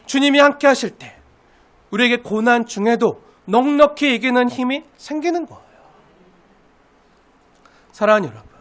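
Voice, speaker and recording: A man preaching a Sunday sermon in a very high speaking voice. He is emphatic and drives his points home with rhetorical questions to the congregation. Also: a bit bright. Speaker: pastor.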